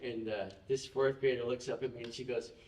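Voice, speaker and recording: A man's voice: medium pitch, level tone, a little fast, a little mellow, roomy sound, far from the mic, slight background noise. A man preaching a conversational sermon as pastor, acting out quoted prayers and laughing at himself now and then. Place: church chapel.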